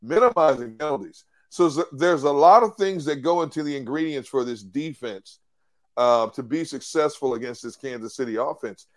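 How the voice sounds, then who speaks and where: A man's voice: mid-range voice, lively intonation, normal speed. A man co-hosting a sports talk show, breaking down a football defense in an emphatic, analytical way with frequent restarts.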